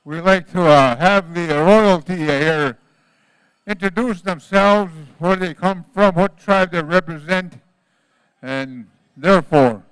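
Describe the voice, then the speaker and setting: A man's voice: high-pitched, slow, fairly bright tone, clear, resonant tone, no room sound, poor audio. A man working as a powwow emcee, announcing live in a folksy, informal manner. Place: powwow at a casino event, over a PA.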